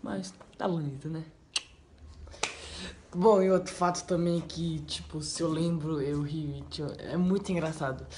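A man talks in a fairly high voice, rambling excitably through anecdotes in a casual home vlog. Faint noise hums behind him. He leans on fillers and keeps the tone loose. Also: unhurried. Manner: excitable, rambling, full of "tipo assim" and "né". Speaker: channel host. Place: at home by a wall indoors.

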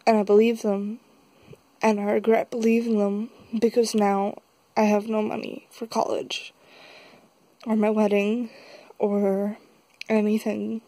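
A young woman talking haltingly in a confessional vlog, upset and tearful, as if she has just been crying. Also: mid-range voice, level tone, dark tone, no room sound. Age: young adult. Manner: halting, slow, with long pauses. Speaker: vlogger. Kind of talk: confessional vlog, casual talk. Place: small dim room indoors. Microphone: phone held close.

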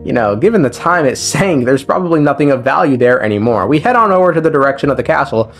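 Over background music, a man with a mid-range, slightly bright voice talks fast with lively intonation. He recaps game lore as casual commentary, irreverent and slangy, swearing freely.

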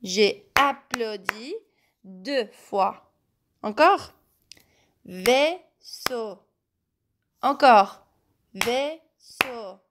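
A woman teacher giving a slow, patient homework lesson to young children, repeating each word several times. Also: on the high side, background noise. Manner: patient, repeats words and syllables, claps.

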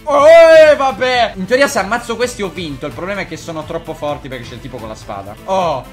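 A man giving let's-play commentary on a game, excitable and joking, swearing often as he reacts to the action. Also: on the high side, fast. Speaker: gaming YouTuber. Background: faint game music.

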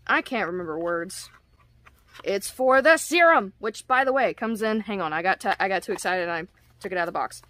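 A woman's voice: fairly low pitch, fast talker, a bit bright, no room sound. Woman, casual vlogger, giggly and self-deprecating, dry close sound. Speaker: product reviewer. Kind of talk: casual product review vlog.

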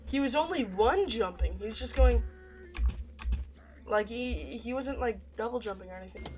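A woman's voice: a little high, animated, normal speed, background noise. A woman doing rambling, chatty gameplay commentary, talking to her viewers as she plays. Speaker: gaming video creator.

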